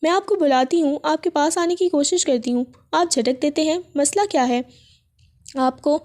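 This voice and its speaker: A woman voicing a hurt young wife who pleads and questions in a high, soft-toned voice. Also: lightly acted. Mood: pleading. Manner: pleading, emotional.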